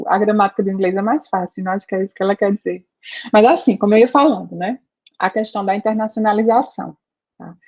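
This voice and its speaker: The speaker is a Brazilian woman, accented in Brazilian Portuguese, running a live online programming class where she asks questions and works through ideas with students, frequently checking with "né?" and "tá?". Her medium-pitched voice has a darkish tone. Sound quality is lo-fi and slightly dull.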